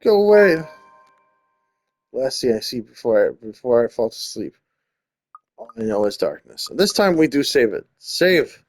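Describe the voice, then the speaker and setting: A man with a mid-range, sing-song voice hosts a gaming video at a moderate pace, leaving long pauses. He thinks out loud informally and reads the story text aloud as he plays. Faint music plays behind him.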